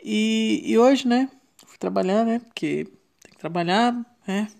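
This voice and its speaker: A woman's voice: medium pitch, unhurried, gravelly, a little mellow. A woman with a Brazilian Portuguese accent hosting a casual solo podcast, rambling in slangy, profanity-heavy talk. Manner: slangy, heavily profane, digressive. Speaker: podcast host.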